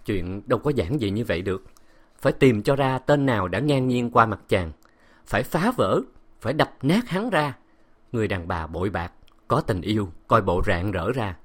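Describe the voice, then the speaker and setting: A man narrating a dramatic audiobook with expressive storytelling. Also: fairly low pitch, a little fast.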